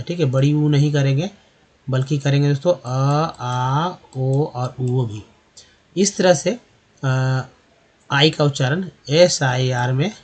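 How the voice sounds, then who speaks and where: A man giving a spoken lesson on English pronunciation, spelling words out letter by letter and repeating them. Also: a little high. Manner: addresses viewers as friends and asks questions to the class. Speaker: English teacher.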